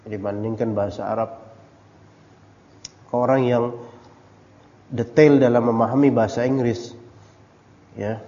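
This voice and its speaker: A man's voice: medium pitch, dark tone. A male religious teacher giving a casual, digressive study lecture to a live audience, mixing Arabic terms and English words into his talk and questioning listeners. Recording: echoey hall, dull lo-fi audio.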